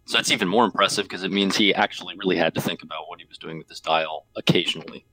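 Male co-host, deep but very bright, forceful voice, casual conversational explaining. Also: rapid-fire, a little hiss or hum, rough recording. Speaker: podcast co-host. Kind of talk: casual chat.

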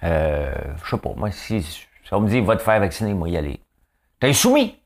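A show host with a Quebec French accent and a nasal, low-pitched voice delivers a casual, joking commentary monologue at a fairly quick pace. He's chatty and keeps tagging his sentences with "hein."

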